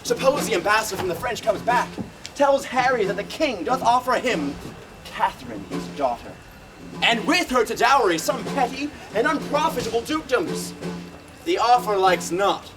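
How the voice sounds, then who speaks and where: A man's voice: extremely high pitch, recorded from a distance. A man playing a rousing chorus narrator, declaiming Shakespearean olde-speech verse in a grand, theatrical manner. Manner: theatrical, grandly emphatic, drawn-out delivery.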